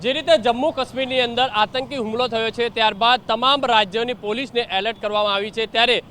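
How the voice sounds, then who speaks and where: A man reporting live from the city for a news channel, speaking formally and pausing over lists of places. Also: very high-pitched, steady tone, sharp tone, slight background noise. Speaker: field reporter.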